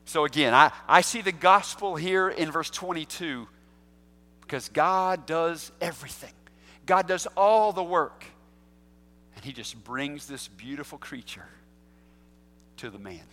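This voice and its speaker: A man preaching a sermon as pastor, animated and jokey, swinging between loud bursts and hushed asides. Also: fairly high pitch, unhurried, pauses often, long reverb tail.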